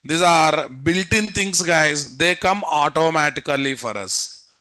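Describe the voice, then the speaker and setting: A man's voice: a little high, animated, measured pace, bright, forceful tone. A man with an Indian Telugu accent giving a live technical lecture, prodding students with repeated questions. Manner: prodding, repetitive rhetorical questions. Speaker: programming instructor.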